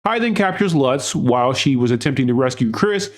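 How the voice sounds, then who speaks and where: A man's voice: medium pitch, animated, a little fast. A man hosting a film recap, narrating scripted comedic review with sarcastic, mocking asides. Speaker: host of a film recap show.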